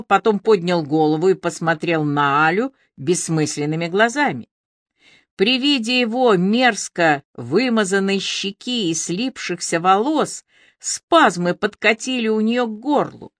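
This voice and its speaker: A woman narrating a novel as an audiobook, in an expressive storytelling manner. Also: medium pitch, measured pace, no echo, studio quality.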